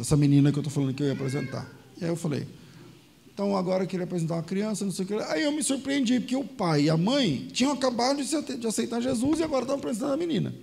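Gravelly high-voiced pastor preaching. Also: male voice, darkish tone, long reverb tail. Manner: conversational storytelling with repetitions. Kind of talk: sermon, telling a personal story. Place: church.

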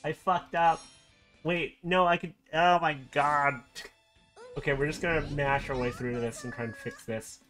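A game streamer giving live commentary at home, excitable, swearing often and laughing at their own mistakes. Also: medium pitch, moderate pace, faint music behind. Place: at home with a cat nearby.

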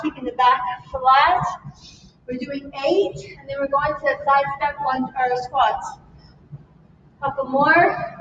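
High-voiced woman coaching a workout. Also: fairly bright tone, a little hiss or hum. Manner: encouraging, counts reps, demonstrates while talking. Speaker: fitness instructor. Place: fitness studio, indoors. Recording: echoey, distant, slightly dull room sound.

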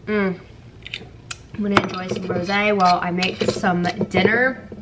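A young woman vlogs slowly and casually to camera from her bathroom and kitchen, relaxed, chatty and full of fillers. Her voice is lowish. The echoey rooms and faint background noise come through a camera mic at arm's length or on a stand.

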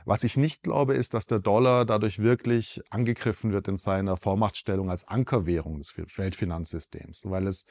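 His voice lowish and slightly mellow, a male foreign correspondent in his forties fields interview questions on a TV set. He lays out his points in a measured, explanatory manner, sometimes pausing to correct himself a little.

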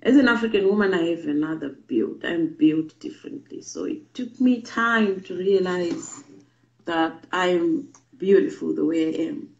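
A Zimbabwean woman in her 40s, a vlogger who teaches babywearing, tells a personal story to the camera with earnest sincerity, often pausing and saying "um." Her fairly low voice carries vocal fry, and the room is echoey, making the audio muffled.

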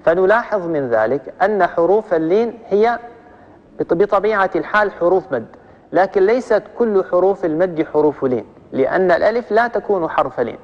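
A man with a Libyan accent gives a patient tajweed lesson, his voice sitting a little high for a man. He goes through each rule step by step and repeats it, stretching out the example words. The sound is dull and hangs in a long hall echo. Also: lively intonation, brisk. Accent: Libyan Arabic. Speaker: Quran recitation teacher.

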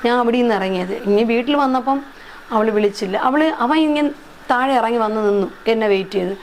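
A middle-aged woman gives an emotional account of her son in an interview. She talks in a halting way, repeats herself and trails off. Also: a little high, a little hiss or hum. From Kerala, India. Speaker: interviewee, mother.

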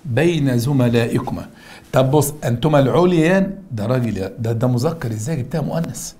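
A man's voice: mid-range voice, fast talker, mellow. A middle-aged man with an Egyptian Arabic accent, teaching an exam-prep grammar lesson in an emphatic, repetitive drilling manner. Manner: emphatic, repeats words and drills students.

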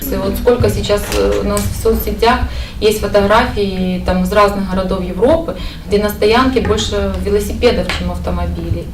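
A woman's voice: medium pitch, normal speed, far from the mic. Woman, party spokesperson, explanatory, faint room noise, echoey. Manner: steady, explanatory, some hesitation fillers. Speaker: party representative at a press conference. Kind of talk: answering press questions. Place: indoor press conference room.

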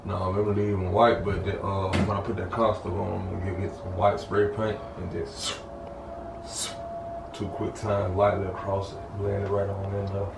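A man's voice: low-pitched, monotone, normal speed, creaky. A young man chatting plainly while working on a small shed room. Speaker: handyman fixing the shed. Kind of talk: casual chat. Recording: echoey room with noise.

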